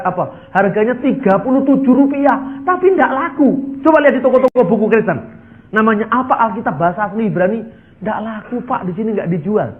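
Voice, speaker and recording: A middle-aged pastor with a Javanese accent preaches in a high voice, shifting his tone to act out the people he quotes. His sermon comes through a dull, muffled lo-fi recording.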